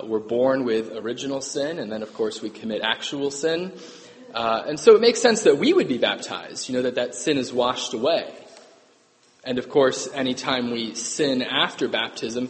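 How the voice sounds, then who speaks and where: A man serving as priest, reading the gospel and giving a homily in a casual, self-correcting way that keeps checking in with the congregation, heard with a cathedral echo. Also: medium pitch. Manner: conversational, self-correcting, asks the congregation "right?". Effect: cathedral echo, long church reverb. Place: large church. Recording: long echoey church reverb.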